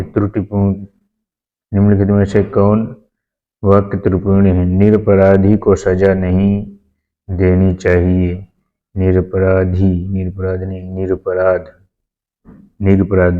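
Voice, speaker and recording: A man with a very low, flat, mellow voice teaching an exam practice lesson. He reads each question slowly and repeats the correct answer several times. The recording sounds dull and lo-fi. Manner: slow, repeats answers aloud.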